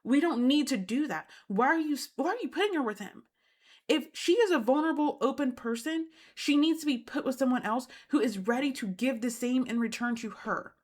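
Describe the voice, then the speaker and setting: A woman's voice: high-pitched, fairly quick. A woman hosting a reality TV recap, talking in an indignant, emphatic way and repeating points for emphasis. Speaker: host.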